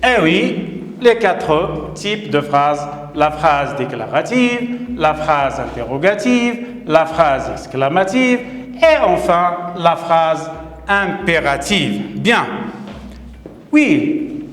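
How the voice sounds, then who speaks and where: A man teaching a grammar lesson to children, slow and emphatic, repeating key words and praising answers. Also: fairly high pitch, sing-song, a bit bright, roomy sound, big-room sound, a little hiss or hum. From Morocco. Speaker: primary school teacher.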